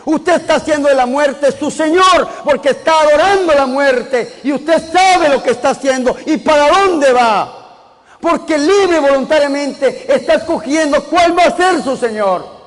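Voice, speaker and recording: A man with a very high voice preaches a sermon, calling out to his congregation and rising into shouts. His words ring out with the long reverb of a big church hall. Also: animated, a little slow. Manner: calls the congregation to repeat and answer, building to shouts.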